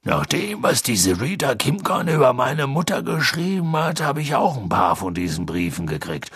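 A man voicing a big, gruff but kind-hearted male giant gamekeeper with a gravelly, husky, rough voice. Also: mid-range voice, sing-song, moderate pace, fairly bright tone, no echo, clean studio sound, heavily acted. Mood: gruff comforting. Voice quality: gravelly, husky, rough dialect-tinged speech.

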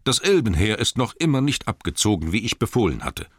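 A man's voice: on the low side, big pitch swings, normal speed, a bit bright, dry recording, clean studio sound, voice pushed up. Thorin, a man voicing an enraged dwarf king. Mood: furious. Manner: bellowing, harsh and commanding. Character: proud furious male dwarf king. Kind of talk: audiobook character voice.

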